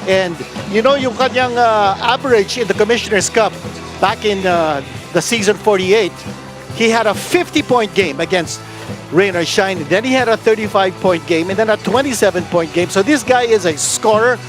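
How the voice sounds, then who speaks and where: A man's voice: high-pitched, moderate pace, over music. A man with a Filipino accent giving live basketball analysis and commentary. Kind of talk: live sports commentary, mixing English and Tagalog.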